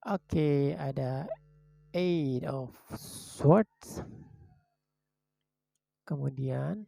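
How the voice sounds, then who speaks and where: Gravelly dark-voiced tarot reader. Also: mid-range voice, dry recording. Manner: chatty, slow card-by-card announcing; drops into soft whispers for short prayers. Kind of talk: casual tarot reading video. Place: indoors at home in the morning.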